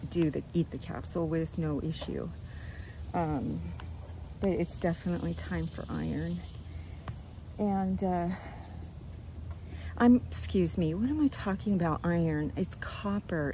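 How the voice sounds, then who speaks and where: An older woman chatting casually outdoors on her farm, talking gently and rambling as she loses her train of thought. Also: on the low side, a little slow, a little hiss or hum, low-quality recording. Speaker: goat rancher. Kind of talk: casual farm vlog chat.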